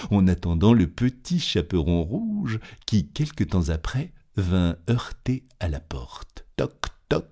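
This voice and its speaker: A man reads a classic fairy tale aloud in an unhurried, expressive way. His low voice swoops widely through each sentence, and he takes his time over every phrase. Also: breathy edge. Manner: slow, expressive storytelling. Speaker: storyteller.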